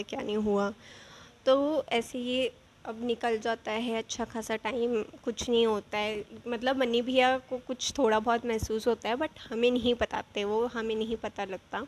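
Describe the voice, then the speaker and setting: A young woman telling a real-life ghost story in a chatty, animated way, with frequent asides. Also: on the high side, a little hiss or hum. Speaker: vlogger. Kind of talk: casual storytelling.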